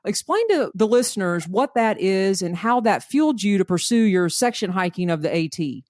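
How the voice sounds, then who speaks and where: A woman's voice: medium pitch, lively intonation, normal speed, darkish tone, no room sound, studio quality. A woman hosting a casual interview in an informal, encouraging way. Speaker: podcast host interviewing a guest.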